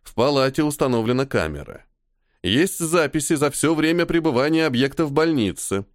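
A man's voice: a little high, animated, fairly quick, dry recording, studio quality, natural voice. A man reading an audiobook and voicing a gloomy, stubborn army major who answers his superior with barbed sarcasm. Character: stubborn, caustic male army major, subordinate officer. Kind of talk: audiobook character voice.

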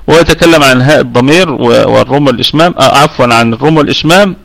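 A man's voice: mid-range voice, rapid-fire, creaky, a bit bright. A middle-aged man with an Egyptian Arabic accent giving a live online tajweed lesson, explaining patiently and often correcting himself mid-sentence. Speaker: Quran recitation teacher.

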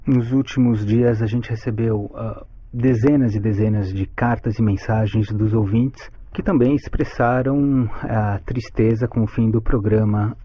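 A man hosting a radio show in a steady, formal announcer's voice, played back from a shortwave radio broadcast. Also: fairly low pitch, a little slow, slightly rough, dull audio.

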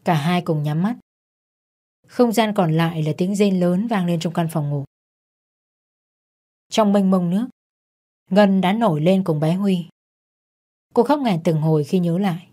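A woman narrating a dark story in a tense, dramatic manner. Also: on the low side, a little slow, long pauses.

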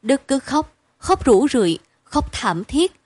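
A woman narrating a story aloud in a measured storytelling read. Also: high-pitched, big pitch swings, darkish tone, breathy edge, no room sound. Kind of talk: audiobook narration.

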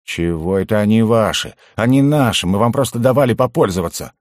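A man's voice: fairly low pitch, expressive, fairly quick, a little mellow, dry recording, voice pushed up, close to an everyday voice. A man voicing a surly, stingy male dwarf with a quarrelsome grumble, in a dry, close recording.

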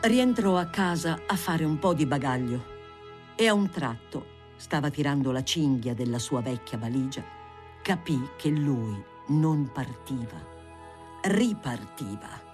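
Expressive audiobook reader of a novel. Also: mid-range voice, measured pace, soft background music. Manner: expressive, theatrical literary reading. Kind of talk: scripted reading of a novel.

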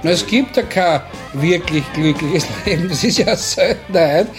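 A man, a senior physician calmly explaining life's highs and lows. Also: normal speed. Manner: calm, explaining, speeds up at times. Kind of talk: explanatory commentary. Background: faint music.

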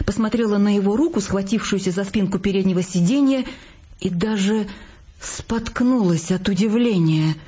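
A woman reading the narration of an audiobook in a steady voice. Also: mid-range voice, normal speed, breathy edge. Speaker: audiobook reader. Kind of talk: scripted narration. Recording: muffled audiobook recording, faint music.

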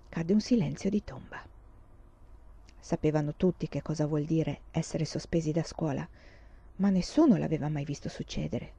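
A woman narrating a storybook with an expressive, dramatic reading. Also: medium pitch, no room sound. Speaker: audiobook reader. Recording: dull, dry lo-fi recording.

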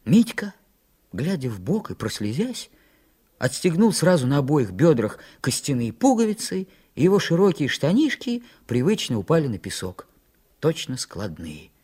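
A man reading a children's story aloud in an expressive storytelling manner. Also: medium pitch, normal speed, breathy edge. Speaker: narrator.

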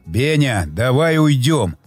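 A man reading an audiobook, voicing a panicked male comrade who pleads and shouts. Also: medium pitch, big pitch swings, slow, husky, no room sound, soft background music, exaggerated voice. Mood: frantic pleading. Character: frantic desperate man, Shcherbatin.

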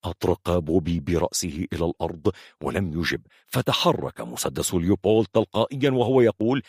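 Deep, husky male audiobook narrator. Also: animated, a little fast, darkish tone, no room sound, clean studio sound. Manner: dramatic, varied storytelling delivery.

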